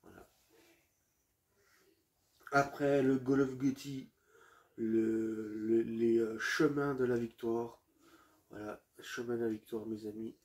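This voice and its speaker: A man's voice: mid-range voice, fairly even intonation, slow, long pauses, darkish tone. A man presenting his video game collection in a casual, hesitant way, with many fillers and restarts, addressing viewers as friends.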